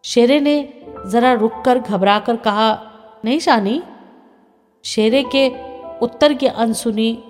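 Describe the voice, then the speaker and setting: A woman narrating a short story aloud in a measured, expressive way with dramatic pauses. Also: a little high. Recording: reverberant with soft background music.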